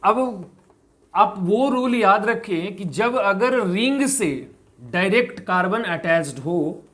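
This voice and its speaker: A man's voice: high-pitched, lively intonation, slow, a bit bright. Male chemistry tutor, drills students with repeated questions. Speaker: chemistry teacher. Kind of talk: explaining on a whiteboard.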